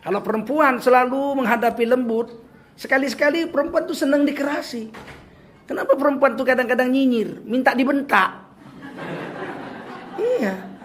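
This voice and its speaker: An older male preacher with a Medan accent gives a humorous talk to his listeners. His voice sits high for a man, and he jokes and acts out the people he quotes. Faint ambience hums under the recording. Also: moderate pace, long pauses, fairly bright tone, a little hiss or hum. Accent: Medan Indonesian. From Medan, North Sumatra, Indonesia.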